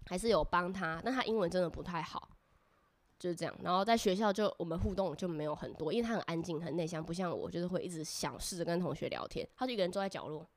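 Young taiwanese woman talking super fast, chatty and animated, tells stories and laughs a lot. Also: lowish voice. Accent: Taiwanese Mandarin. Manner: chatty, animated storyteller who laughs often. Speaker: podcast guest. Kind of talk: casual chat.

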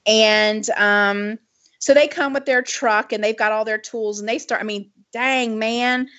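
A woman with a cackling laugh, co-hosting a casual chat podcast as an animated storyteller. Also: on the high side, unhurried, no echo. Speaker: podcast co-host. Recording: slightly dull lo-fi audio.

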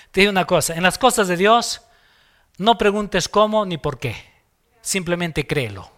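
A man's voice: high voice, lively intonation, unhurried, a bit bright. A man preaching a sermon as pastor, emphatic and acting out little dialogues.

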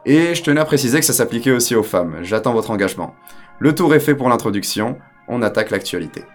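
A man's voice: mid-range voice, lively intonation, fast talker, soft background music. A man hosting a weekly crypto news bulletin to camera, delivering headlines with joking asides in an upbeat presenter manner. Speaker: crypto news show host.

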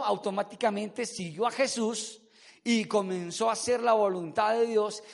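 A man preaching a sermon, telling the story in an animated way and having the congregation repeat words after him. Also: sits high, gravelly.

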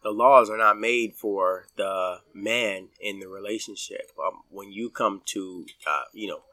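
A man in his forties giving his opinions in a casual podcast chat, halting with many fillers and restarts. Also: fairly low pitch, fairly even intonation, bright, forceful tone, no echo, far from the mic. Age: 40s. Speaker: podcast guest.

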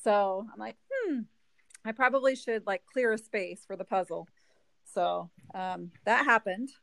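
A woman's voice: medium pitch, a little slow, gravelly, fairly bright tone, no echo. A woman guest on a podcast, chatting casually and laughing often at herself. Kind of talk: casual chat.

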